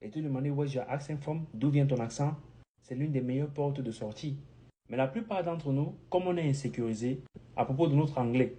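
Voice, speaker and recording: A French-speaking man talking straight to camera in an animated, joking way while giving English accent tips. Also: mid-range voice, a little fast. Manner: animated and playful, with jokes and mock English phrases. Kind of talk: direct-to-camera vlog talk.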